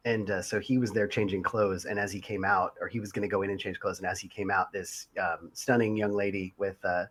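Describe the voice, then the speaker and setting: A man co-hosting a casual podcast, recounting role-play stories in a halting, rambling way. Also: low voice, flat delivery, fairly bright tone. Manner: rambling storyteller, halting with fillers. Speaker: podcast co-host and role-player.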